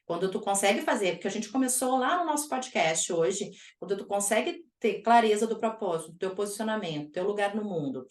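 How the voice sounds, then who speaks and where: An energetic woman hosts a podcast conversation in a casual, emphatic way. Her voice sits at an ordinary middle pitch. The room around her gives a noticeable echo. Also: fairly quick, hardly any pauses. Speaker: podcast host. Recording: echoey room.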